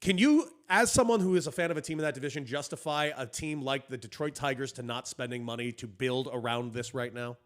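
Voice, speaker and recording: A man's voice: mid-range voice, a little fast, few pauses. A man co-hosting a sports podcast, talking in a casual, rambling way and laughing often. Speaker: podcast co-host.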